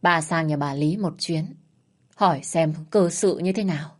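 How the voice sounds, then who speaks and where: A woman's voice: low voice, unhurried. A woman voicing a stern older landowner father who barks orders. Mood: commanding. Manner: gruff, commanding.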